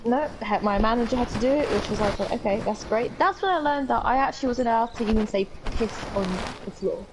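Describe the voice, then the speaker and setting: A woman's voice: a little high, expressive, fast, background noise. A young woman from the UK with a British accent, co-hosting a podcast and telling rambling stories in casual chat with some swearing. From United Kingdom. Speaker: podcast co-host.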